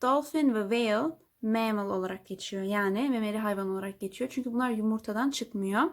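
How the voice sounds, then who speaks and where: A woman whose first language is Turkish, teaching English vocabulary, saying each word twice slowly for learners to repeat. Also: mid-range voice. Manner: says each word twice, slow and deliberate. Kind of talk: vocabulary lesson, slow repeat-after-me drilling.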